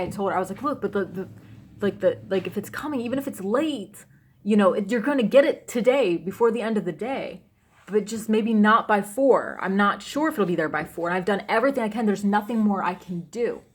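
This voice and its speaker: A woman's voice: medium pitch, a little fast, slightly rough. A young woman vlogger upset and rambling as she recounts a personal ordeal at home, full of restarts and fillers. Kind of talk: emotional personal storytelling.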